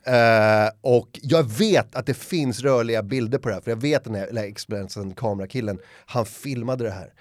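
In a clean, dry studio recording, a middle-aged man with a mid-range voice chats casually as a podcast guest, rarely pausing. Animated throughout, he tells a funny story and performs the voices and lines of the people in it.

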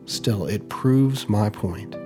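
A male narrator voicing a calm, caring man who gently reasons with a friend. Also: lowish voice, takes it slowly, music in the background. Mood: earnest.

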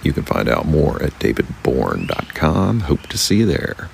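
Very deep, croaky frog-voiced man. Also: very animated, normal speed, slight background noise. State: temporarily hoarse. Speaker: podcast host. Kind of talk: reflective solo podcast monologue.

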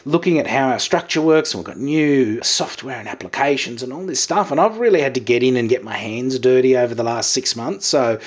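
A middle-aged man hosting a casual podcast. He talks in a friendly, brisk way at a mid pitch and keeps the chat moving. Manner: friendly, brisk, says mate. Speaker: podcast host.

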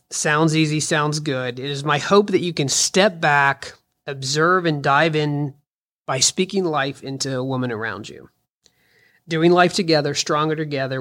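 A woman's voice: low voice, gravelly, fairly bright tone. A woman in her fifties hosting a solo podcast, talking in an earnest, encouraging, conversational way. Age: 50s. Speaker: podcast host.

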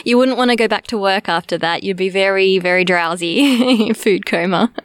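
A woman hosting a podcast, chatting casually and laughing easily, then reading the closing credits in a steady voice. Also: mid-range voice, moderate pace, no room sound, studio quality. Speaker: podcast host. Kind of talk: casual chat and scripted outro.

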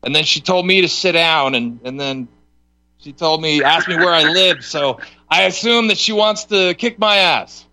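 A man co-hosting a talk show, chatting casually with halting starts, repeated words and jokes. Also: fairly high pitch, pushed and bright, no room sound, low-quality recording. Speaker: show host.

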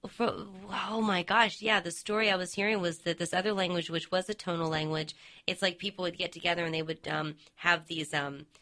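A woman interviewer chatting casually, with lots of quick "you know" asides and animated backchannel responses. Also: fairly low pitch. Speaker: interviewer, host.

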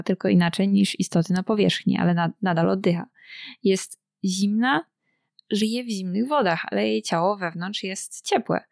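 A woman's voice: mid-range voice, creaky, no room sound. A woman co-hosting a book discussion podcast. She speaks in an analytical, precise way, and the sound is dry and close, with no room around it. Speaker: podcast co-host.

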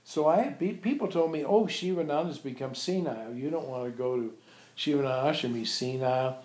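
In an echoey room where a few visitors sit, an older monk and abbot recalls his teacher for a small group. He speaks briskly in a mid-range, darkish voice, informally telling anecdotes and animatedly acting out the quoted dialogue.

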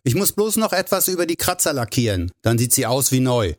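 A man voicing a calm, stocky male mechanic who teases his friend between laughs. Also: mid-range voice, brisk, dry recording, studio quality, close to an everyday voice. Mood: amused. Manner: laughing, ribbing.

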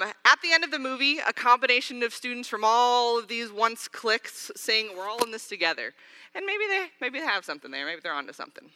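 A woman gives a sermon in a church sanctuary, in a very bright, sharp voice. Her delivery is loose and conversational, full of side comments. A long reverb from the large hall trails after her words. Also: medium pitch. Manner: casual, chatty preaching with asides. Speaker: preacher.

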